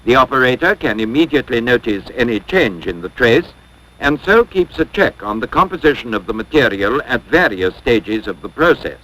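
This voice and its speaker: A man reads the script of a 1950s educational film in a measured, formal, instructive manner. His medium-pitched voice is expressive and a bit bright, though the audio quality is poor.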